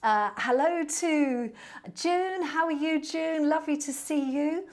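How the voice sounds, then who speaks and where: Woman, southern English accent, slightly high voice, warm and friendly, chatty Pilates instructor, casual livestream talk. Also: takes it slowly. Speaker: Pilates instructor and online class host. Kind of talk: casual livestream chat to viewers. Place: indoor studio.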